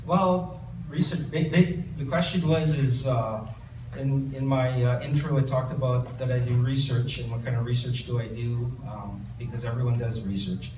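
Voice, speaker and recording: A Canadian author reads from his book at a bookstore event and then takes audience questions, filling his speech with fillers and restarts. His mid-range voice keeps a fairly even intonation at a normal speed. The recording is roomy and distant, with background noise.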